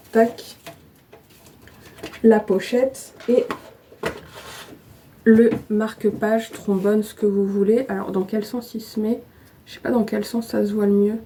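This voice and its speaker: A woman chatting casually as she unboxes items at home on her bed, gushing and excitable, with plenty of fillers. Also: medium pitch. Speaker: vlogger.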